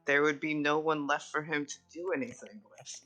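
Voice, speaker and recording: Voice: mid-range voice, steady tone, moderate pace, bright, forceful tone. A game master running a live tabletop game in a casual, chatty way, switching between narration and in-character lines.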